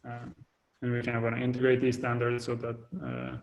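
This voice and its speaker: A man's voice: mid-range voice, big pitch swings, fairly quick, poor audio. A man giving a casual technical update on a video call, hesitant and full of fillers and restarts. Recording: call audio breaking up.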